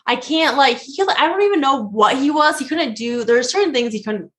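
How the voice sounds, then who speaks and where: A young woman on a casual podcast, spilling a long story in a loose, rambling way. Her voice sits a touch high and she laughs often as she talks, full of restarts and asides. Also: lively intonation, fairly quick, fairly bright tone. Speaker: podcast host.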